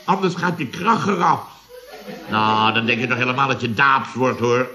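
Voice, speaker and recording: Voicing a grumbling, sarcastic builder boss of middle age, an actor blusters with exasperation in the manner of 1970s Dutch radio comedy. His male voice is medium-pitched, bright and forceful, delivered at normal speed.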